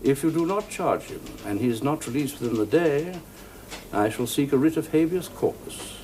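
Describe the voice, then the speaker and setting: A man's voice: fairly high pitch, expressive, moderate pace, a little mellow, a little hiss or hum, natural voice. An actor playing a confident male solicitor who makes politely veiled threats. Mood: cool. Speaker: lawyer. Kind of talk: British television drama acting.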